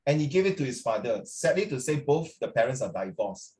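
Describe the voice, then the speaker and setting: In a relaxed classroom chat, this middle-aged Singaporean-accented language teacher talks briskly in a medium-pitched, slightly mellow voice with big pitch swings. He alternates between English and Mandarin and uses frequent tags like "ah".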